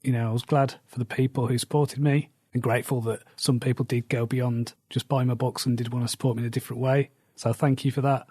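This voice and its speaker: Man, fading rough voice, in pain, plain casual diary talk, dry recording. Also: medium pitch, little pitch movement, fast talker, few pauses, darkish tone, no room sound. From England. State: losing his voice, slightly rough; in pain, sitting still. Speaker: author vlogging a weekly diary. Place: indoors, seated at home.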